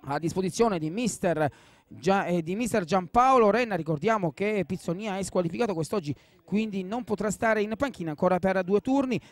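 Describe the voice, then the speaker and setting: A man giving excited live football commentary, repeating names and phrases. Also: sits high, brisk, no echo.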